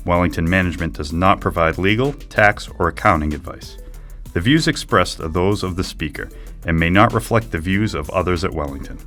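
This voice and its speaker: A man with a very low voice reads a legal disclaimer in a steady, formal tone. Faint music plays beneath him. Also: brisk. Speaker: disclaimer announcer.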